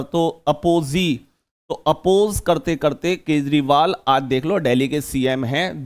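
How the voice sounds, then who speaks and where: Male teacher, fairly high voice, chatty, jokey, repeats key words. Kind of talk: exam-prep vocabulary lesson.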